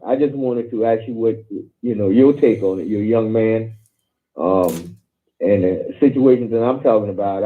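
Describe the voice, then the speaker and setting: A male caller on a talk show, telling stories in a rambling, halting way with many fillers. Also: lowish voice. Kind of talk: phone-in talk. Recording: tinny phone line.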